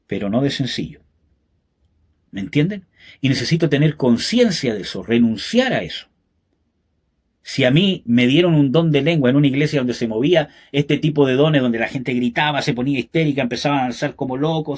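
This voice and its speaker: A man teaching a Bible study, pausing often with fillers and tag questions, then building to emphatic bursts. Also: on the high side, darkish tone. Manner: rises to emphatic, raised-voice bursts. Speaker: pastor.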